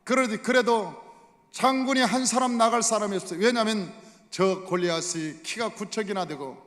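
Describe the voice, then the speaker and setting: A male pastor preaching in a church sanctuary, telling stories and speaking straight to his congregation. His voice sits high for a man. A long reverb from the hall hangs behind every phrase. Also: normal speed, fairly bright tone. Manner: storytelling, addresses the congregation directly. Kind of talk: sermon.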